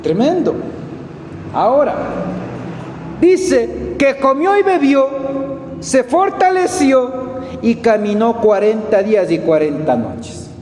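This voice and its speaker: A preacher with an Ecuadorian accent gives an emphatic sermon, swinging between loud outbursts and hushed asides. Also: male voice, very high-pitched, sing-song, slow, long pauses. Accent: Ecuadorian Spanish. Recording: echoey hall with long reverb and faint noise.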